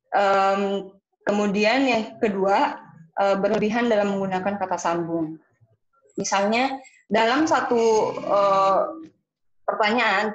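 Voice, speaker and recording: A woman from Indonesia, an IELTS speaking teacher, explaining a lesson in a casual way, with hesitations and English terms mixed in. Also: mid-range voice. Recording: echoey room, dull sound.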